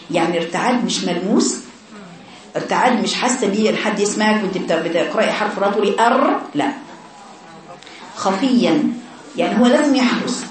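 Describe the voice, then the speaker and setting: An Egyptian woman teaches Quran recitation to her class of women, going step by step and asking them questions. Her voice sits at a middle pitch and is picked up from a distance. It echoes heavily around the room, with the sound of a gathered crowd behind her. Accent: Egyptian Arabic. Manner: explains step by step, asks her students questions. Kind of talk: informal classroom lesson. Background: audience of women students.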